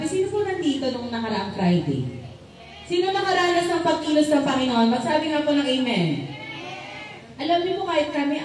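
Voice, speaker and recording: A woman's voice: very high voice, a little hiss or hum. A young woman gives a church testimony and preaches, calling out amen to the congregation in a church hall. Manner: preacherly call-and-response with frequent amen shouts. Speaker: church speaker giving testimony. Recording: echoey hall from far off.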